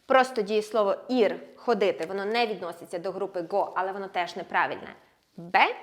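A woman teaching a language lesson, explaining patiently step by step and slowing down on example words. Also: medium pitch. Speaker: Spanish teacher.

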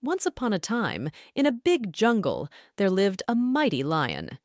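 A woman narrating a scripted bedtime story for children in an even, gentle storybook reading manner. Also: medium pitch, measured pace, no echo, studio quality.

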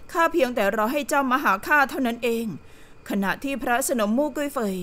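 A woman narrating a scripted audiobook in an even, measured way. Her voice sits a little higher than most.

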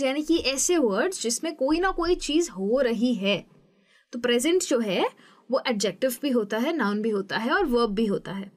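Woman, English teacher, patient explaining, slow example words, fairly high voice. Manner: patient, explains step by step, models words slowly. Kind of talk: spoken English lesson.

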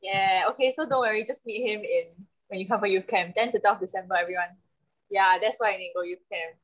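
A woman's voice: medium pitch, fairly quick, a bit bright, low-quality recording. A young woman with a Singaporean accent casually hosts a guessing game on a video call, using colloquial Singlish. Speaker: online game host. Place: indoor room, video call. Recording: online group video call.

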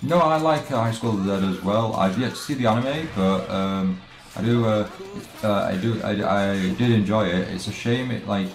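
A let's play streamer chats casually and haltingly with viewers while playing a video game, often trailing off and starting over. His voice is lowish. The recording has a roomy echo, with video game music behind him.

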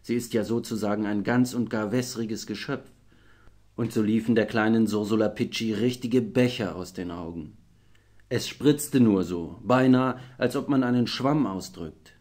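Male audiobook reader, children's story, lowish voice, lively storytelling delivery. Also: normal speed. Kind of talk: children's book read aloud.

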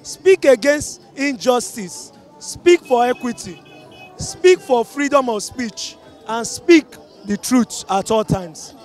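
A man's voice: very high-pitched, lively intonation, slow, darkish tone, soft background music. A middle-aged man with a Nigerian accent giving an emphatic, oratorical street-interview opinion on a busy city street. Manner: emphatic, oratorical, repeats calls to action. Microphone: handheld mic held by interviewer.

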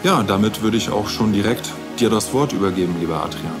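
Podcast host: man, lowish voice, smooth intro, music clearly underneath. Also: animated, fairly quick.

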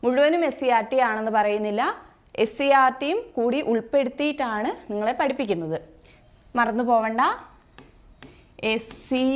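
A woman exam coach teaching synonyms, repeating each word and quizzing her listeners with questions. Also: a little high. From Kerala. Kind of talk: Malayalam vocabulary lesson.

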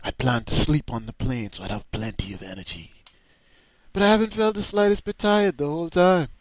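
Streaming a game, a man with a voice on the high side reads its text aloud briskly, cracking crude, mocking jokes. His accent blends British, Caribbean, and American, and the recording is dry.

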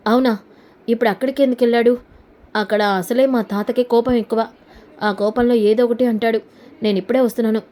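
Brisk, concerned young man , read by a woman with a fast, mellow delivery. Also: fairly high pitch, steady tone, lightly acted.

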